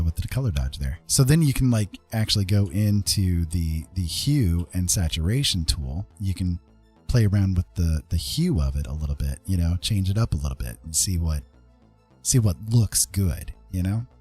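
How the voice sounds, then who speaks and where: A man teaching digital art on a live stream keeps things easygoing and informal, regularly checking in with small questions. His voice sits low, warm and expressive with a breathy edge, at a moderate pace. Soft background music accompanies him.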